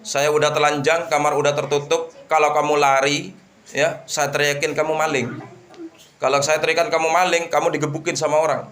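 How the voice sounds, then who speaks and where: A man's voice: on the high side, little pitch movement, a little fast, a bit bright, echoey room, lightly acted. A man putting on a pushy, threatening official's wife.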